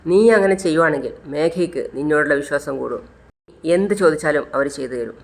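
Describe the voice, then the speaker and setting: A scheming man, urgent and conspiratorial, hatching a cruel plan in a retold serial scene, as the storyteller puts him on. The voice sits in a middle pitch, close to the storyteller's own. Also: fairly quick, creaky. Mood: plotting. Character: scheming adult man plotting a crash.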